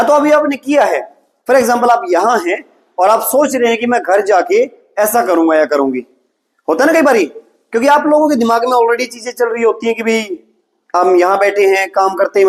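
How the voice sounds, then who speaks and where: A man with an Indian accent and a fairly high voice runs a classroom English drill. He fires questions in Hindi and has students answer in English. He calls the students "beta" and praises them often. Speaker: English teacher.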